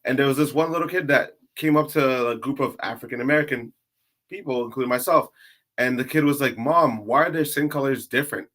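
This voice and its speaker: A man's voice: mid-range voice, fairly quick, fairly bright tone. A man telling a personal story in a laid-back, casual way, full of "like". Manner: laid-back, uses lots of "like".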